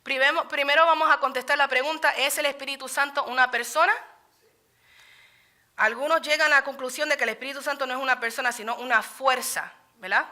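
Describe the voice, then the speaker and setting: A woman's voice: sits high, fairly even intonation, brisk, bright, forceful tone. A woman leading a Bible study lesson in a church, talking conversationally and often asking the group if they agree. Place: church meeting room.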